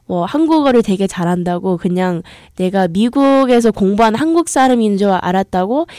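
A young adult American woman hosting a podcast tells a story in a chatty, casual bilingual monologue, first in Korean and then English, full of fillers and restarts. Her mid-range voice is warm, expressive and rapid-fire, recorded in clean studio sound with no echo.

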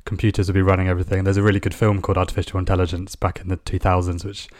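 A man's voice: deep voice, monotone, racing, darkish tone, dry recording, clean studio sound. A man co-hosting a podcast, asking the guest questions conversationally. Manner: conversational, explains for listeners. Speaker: podcast co-host. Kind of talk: podcast interviewing.

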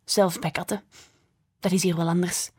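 A woman's voice: lowish voice, steady tone, moderate pace, a little mellow, husky. A woman voicing a sour, grumbling older grandmother who complains and exaggerates, in a storybook reading.

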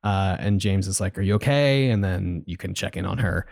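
A man's voice: low-pitched, flat delivery, moderate pace, creaky, a little mellow, no room sound, studio quality. A man co-hosting a podcast, casually recapping a video game in a rambling, self-correcting way with frequent laughs. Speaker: podcast co-host.

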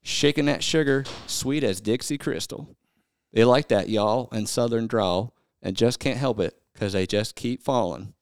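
A man's voice: medium pitch, measured pace, clean tone, no room sound, clean studio sound. A man co-hosting a casual podcast, read-singing country song lyrics for laughs. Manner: reads song lyrics in a half-sung, joking way. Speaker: podcast co-host.

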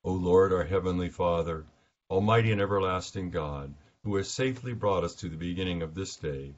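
A man leading morning prayer as a minister, reciting liturgy in a solemn, measured, formal manner. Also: low-pitched. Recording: dull lo-fi sound.

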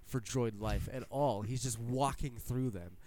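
A young man co-hosting a podcast, talking excitedly and casually, swearing and acting out quotes as he recounts a scene. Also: mid-range voice, measured pace, no echo. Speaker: podcast co-host. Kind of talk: excited casual fan chat.

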